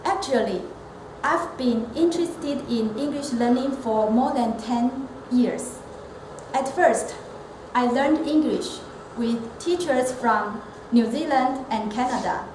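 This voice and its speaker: A woman from Taiwan, an elementary school teacher and club member, gives an earnest prepared speech in a high, unhurried voice, placing each phrase deliberately. She's measured but occasionally restarts or corrects herself, in an echoey room with steady background noise.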